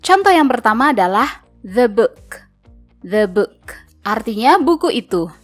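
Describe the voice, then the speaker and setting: Woman teaching English with slow examples. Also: fairly high pitch, sing-song, faint music behind. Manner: slow, careful repetition of example words. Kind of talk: scripted lesson narration. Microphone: voice-over.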